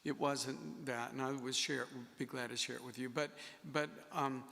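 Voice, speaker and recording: A male public health official speaking in a measured, hesitant way at a formal meeting. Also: mid-range voice, fairly even intonation, gravelly, bright, forceful tone, in a large hall. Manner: measured, hesitant, many fillers.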